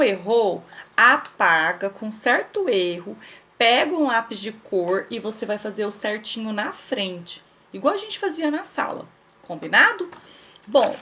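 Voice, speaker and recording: A woman's voice: mid-range voice, a bit bright, slight background noise. A woman teaching young children in a recorded lesson, patiently spelling out words and asking questions she answers herself. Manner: patient, explains slowly and spells things out, asks questions and answers them herself. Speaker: primary school teacher.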